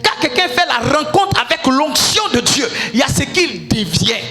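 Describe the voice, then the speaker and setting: A man preaching a sermon as pastor, often shouting and breaking into sung lines. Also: extremely high pitch, big pitch swings, moderate pace, music in the background.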